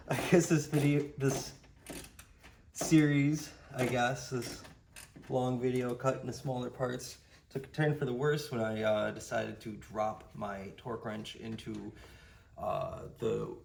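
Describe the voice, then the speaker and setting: A man giving a casual how-to walkthrough while working on a car engine, explaining each step in a plain, low-key way. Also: gravelly, a little mellow, a little hiss or hum. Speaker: DIY car repair presenter.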